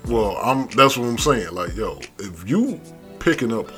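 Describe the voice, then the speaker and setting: A man's voice: mid-range voice, sing-song, a little slow, fairly bright tone. A man co-hosting a casual podcast, joking loosely and mimicking people. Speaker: podcast co-host. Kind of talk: casual chat. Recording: music playing behind.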